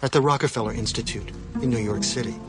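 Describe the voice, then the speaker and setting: A man giving scripted documentary narration in a measured, explanatory way. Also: medium pitch. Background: music.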